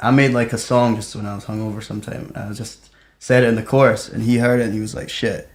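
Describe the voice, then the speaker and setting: A Scottish man from Edinburgh, a guest musician who chats in a soft-spoken way and often lets his sentences trail off. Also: fairly low pitch, flat delivery, fast. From Scotland. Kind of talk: casual chat.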